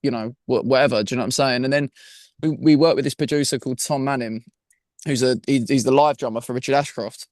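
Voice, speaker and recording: A man with a broad Essex Estuary accent talks quickly and casually as an interview guest. His speech is chatty and full of slang and conversational tags. The sound is close and dry, with an average male pitch. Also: steady tone, darkish tone, dry recording. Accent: broad Essex, Estuary English. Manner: chatty, slangy, peppers talk with "man" and "you know what I mean". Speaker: rock band singer-guitarist and songwriter, interview guest. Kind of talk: casual chat.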